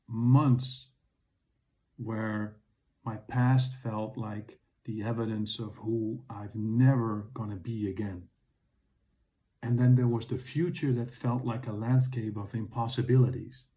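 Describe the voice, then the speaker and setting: A man hosting his own podcast, speaking in a calm, earnest personal monologue. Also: on the low side, highs cut off. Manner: calm, earnest, unhurried reflection. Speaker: podcast host.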